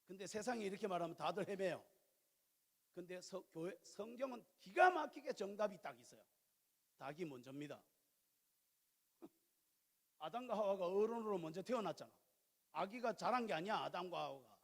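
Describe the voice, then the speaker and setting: A male pastor delivers a sermon in a large sanctuary, his high voice carried by a long church reverb. He swings between forceful, loud exhortation and hushed, confiding asides to the congregation. The hall tail lingers after each phrase. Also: lively intonation, normal speed, gravelly, long pauses.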